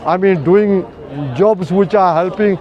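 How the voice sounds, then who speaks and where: Out on a busy city street, an elderly street preacher chats earnestly with someone passing by, laying out his beliefs amid plenty of fillers. His voice sits high with a fairly level tone and a slightly slow pace, captured in dull-sounding audio.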